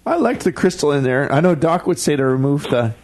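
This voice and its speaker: A man co-hosting a homebrew talk show, laid-back and quick to laugh. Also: a little high, lively intonation, a little mellow. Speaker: co-host. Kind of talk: casual chat.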